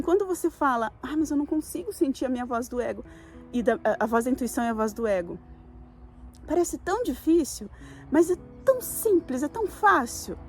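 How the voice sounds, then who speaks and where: Middle-aged woman, Brazilian accent, higher-pitched, chatty spiritual talk to camera, heavy on fillers and tag questions. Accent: Brazilian Portuguese. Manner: conversational, many fillers and tag questions, quotes herself in lively voices. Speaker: spiritual YouTuber.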